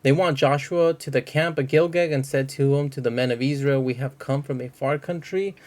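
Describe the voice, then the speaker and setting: A man with an ordinary mid-pitched voice chats informally about scripture, asking questions and reading verses aloud. He sounds plain and unpolished, and he loses his place at times. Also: fairly even intonation, normal speed, a little mellow. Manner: questioning, informal, apologetic slips. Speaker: Bible study partner. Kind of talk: casual Bible discussion.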